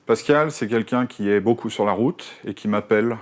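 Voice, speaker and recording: A man's voice: on the low side, normal speed. A middle-aged man, a game publisher, chatting casually in an interview and telling anecdotes with many hesitations. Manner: hesitant, many "euh" fillers, mimics others while telling anecdotes.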